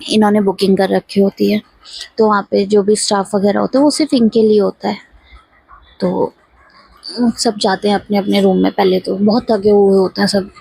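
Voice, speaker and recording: A woman casually narrating a story in a relaxed, chatty way, acting out the lines of the people in it. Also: mid-range voice, creaky, breathy edge, no echo, rough recording. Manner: relaxed retelling with quoted dialogue.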